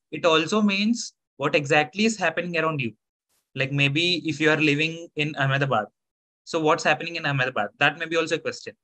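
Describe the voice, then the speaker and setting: A man in his twenties with an Indian accent gives informal advice over a video call, explaining step by step in a halting, methodical way. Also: fairly high pitch, bright, forceful tone. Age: 20s. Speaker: student mentor sharing interview experience.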